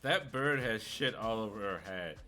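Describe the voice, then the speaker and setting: A man's voice: fairly low pitch, animated, moderate pace, pushed and bright. A man giving casual commentary as he streams a game, thinking aloud. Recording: game music behind the voice. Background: music.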